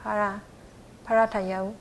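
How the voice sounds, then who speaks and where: A woman's voice: medium pitch, level tone, a little hiss or hum. Patient woman coaching chant pronunciation. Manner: patient and encouraging, sounds out syllables slowly. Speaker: chanting teacher. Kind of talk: pronunciation lesson.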